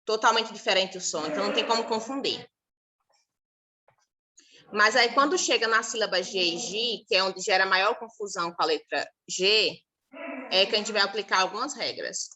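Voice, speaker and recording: A woman's voice: medium pitch, normal speed, sharp tone, a little hiss or hum. A Brazilian Portuguese woman teacher giving a recorded class, explaining patiently and repeating syllables and example words one by one.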